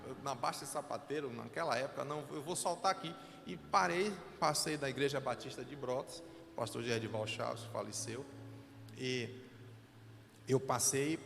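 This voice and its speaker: A man's voice: mid-range voice, creaky, in a large hall, slight background noise. A man, a pastor preaching a sermon with an earnest, emotional personal testimony. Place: church sanctuary.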